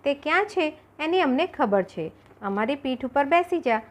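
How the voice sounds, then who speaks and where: Kind, talking swans from a storybook, gentle and reassuring, as a woman narrator voices them. The voice sits somewhat high and speaks softly to a grieving queen. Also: lively intonation, normal speed. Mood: kindly.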